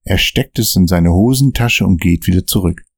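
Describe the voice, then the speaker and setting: A man narrating a scripted story podcast in a steady, measured way. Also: deep voice, gravelly, husky, dry recording, studio quality.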